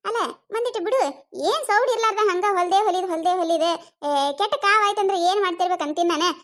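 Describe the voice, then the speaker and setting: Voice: extremely high pitch, quick pace, fairly bright tone. A performer voicing a nagging village mother-in-law with a North Karnataka accent in a cartoon comedy. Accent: North Karnataka Kannada. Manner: coaxing, nagging.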